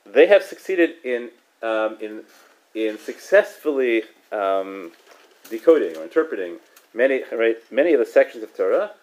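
In a mid-range, darkish voice with a sing-song lilt, a Torah teacher leads an easygoing Talmud class. He often caps his points with "right?", restarts quickly, and chuckles as he goes.

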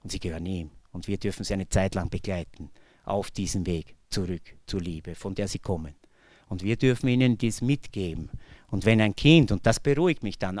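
A man with an Austrian accent giving an earnest personal testimony, his voice swinging between loud emphasis and hushed low tones. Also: dry recording, studio quality. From Bucklige Welt, Lower Austria. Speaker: speaker from a faith-based recovery community. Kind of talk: personal testimony talk to an audience.

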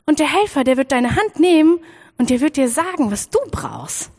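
A young woman from Freiburg giving an animated children's sermon and speaking straight to her listeners. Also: high voice, a little fast. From Freiburg, Germany. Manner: animated storytelling, addresses listeners directly.

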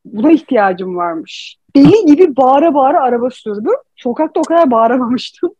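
Candid female co-host, higher-pitched and breathy, dry dull recording. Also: expressive, normal speed, dark tone, no echo. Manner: candid, emotional storytelling. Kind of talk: casual confessional chat.

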